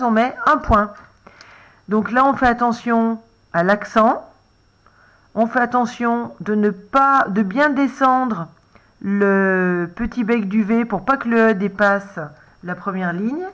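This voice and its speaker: Patient, unhurried French woman teacher guiding young children through a dictation letter by letter. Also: mid-range voice. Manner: gentle, explains letter by letter, reminds to pause the video. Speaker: first-grade teacher.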